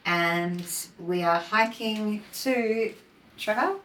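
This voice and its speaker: A woman's voice: medium pitch, drawn-out words, fairly bright tone, a little hiss or hum, low-quality recording. A woman chatting upbeat on a mountain hiking trail, talking into a handheld camera. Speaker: travel vlogger. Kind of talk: casual vlog chat. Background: background music.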